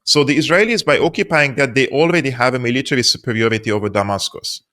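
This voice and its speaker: A man from Syria answers interview questions in a mid-range voice. He talks in a steady, earnest, explanatory way. He hammers his points home by repeating them. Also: mid-range voice, fast. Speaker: political analyst guest.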